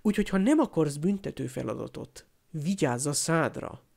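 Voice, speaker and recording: A man's voice: a little high, animated, gravelly, darkish tone. A man voicing a blunt teenage boy prefect who speaks threateningly. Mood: stern.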